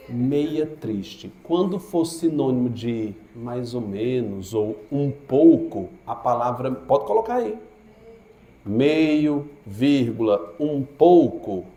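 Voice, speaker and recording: A man's voice: medium pitch, darkish tone. A man teaching a grammar class for exam prep in a classroom, asking his students questions and answering them himself. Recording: echoey classroom.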